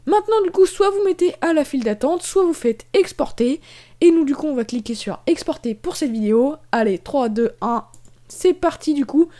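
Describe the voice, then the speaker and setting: A woman's voice: high-pitched, animated, moderate pace, dark tone. A young woman walking viewers step by step through a video-editing tutorial, casual with frequent fillers. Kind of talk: screen-recorded software tutorial.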